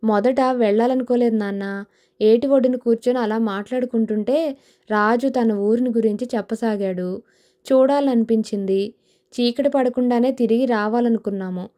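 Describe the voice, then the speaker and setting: A woman's voice: on the high side, moderate pace, warm tone, natural voice. A woman reading a pouting young college girl. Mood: pleading. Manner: pouting, pleading.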